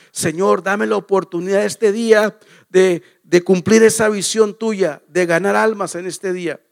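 A man preaching a sermon as pastor, his voice pitched high with a gravelly edge. He speaks emphatically, circling back to key phrases and putting rhetorical questions to the congregation.

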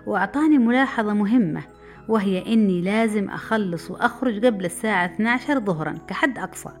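Middle-aged woman, quick memoir narration over faint music. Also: mid-range voice. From Saudi Arabia. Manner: brisk, lively narration. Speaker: storyteller. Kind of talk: personal memoir storytelling. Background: faint background music.

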